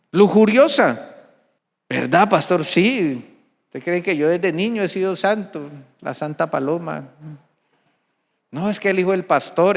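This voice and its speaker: A man's voice: high voice, a bit bright. A young adult man preaching a sermon as pastor, emphatic, repeatedly posing rhetorical questions to the congregation. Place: large church sanctuary. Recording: long reverb of a large hall.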